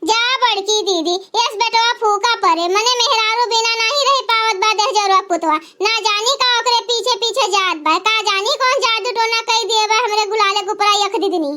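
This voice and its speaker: A woman's voice: very high-pitched, moderate pace, hardly any pauses, heavy background noise. A woman voicing a bitter older mother-in-law in a cartoon, nagging and ranting. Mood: scolding. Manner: nagging, ranting, name-calling. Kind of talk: cartoon voice acting.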